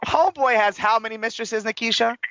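A man's voice: very high voice, fairly quick, bright, forceful tone, no room sound, dull audio. A man hosting a casual entertainment chat show, talking emphatically and gossipily in folksy slang. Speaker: talk show host.

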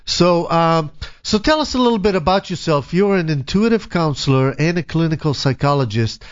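A man's voice: fairly high pitch, expressive, moderate pace, no echo. Male radio host, easygoing and conversational, dry dull studio sound. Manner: easygoing, brief affirmations. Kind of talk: radio talk show chat.

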